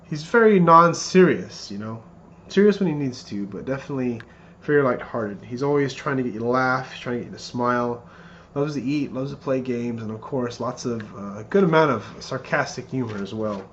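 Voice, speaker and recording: A man in his thirties rehearsing a best man's wedding speech in an earnest, somewhat halting way, often repeating phrases. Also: mid-range voice, lively intonation, fairly bright tone. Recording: muffled lo-fi, clear background noise.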